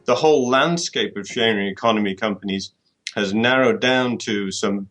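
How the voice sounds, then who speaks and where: Soft music plays behind a British author whose lowish, slightly bright voice moves at a normal speed. In this conversational interview he thinks aloud, restarting and repeating words as he reasons.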